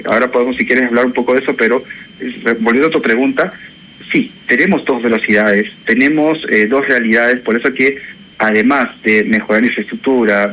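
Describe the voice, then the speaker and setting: Heard through a low-quality radio broadcast with faint noise, a man from Chile, an education professor, is a guest being interviewed. His mid-range voice is a bit bright, and he comes across as thoughtful and hesitant, leaning on lots of fillers.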